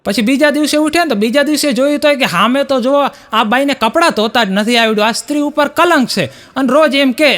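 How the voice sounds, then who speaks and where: High-voiced Gujarati comedian telling folksy jokes. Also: male voice, sharp tone. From Gujarat, India. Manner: playful, folksy storytelling with acted dialogue. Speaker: stand-up comedian. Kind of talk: stand-up storytelling with jokes.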